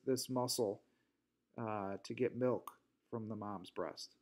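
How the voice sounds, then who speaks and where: Male instructor, slightly higher voice, patient step-by-step lecture narration. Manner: explains step by step with fillers and restarts. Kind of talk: recorded anatomy lecture. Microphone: voice-over narration over drawings.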